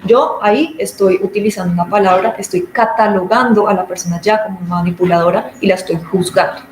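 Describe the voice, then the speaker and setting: This informal lecture on patient communication comes from a woman whose middle-pitched voice keeps a steady tone and moves a bit quickly. Patient and explanatory, she acts out everyday situations, and a noticeable room echo carries a faint hum of ambience.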